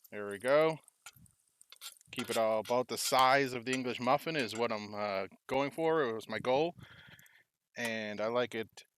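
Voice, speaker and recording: A man with a bright, crisp and clear voice hosts a casual cooking vlog. He stands outdoors at a backyard grill and walks the viewer through each step in a chatty way. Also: medium pitch. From United States. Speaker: host.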